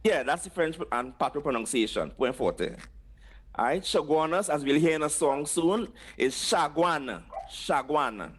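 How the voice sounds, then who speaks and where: A man's voice: on the high side, lively intonation, moderate pace, slightly rough. A man teaching patois place names, patiently repeating each word for others to echo.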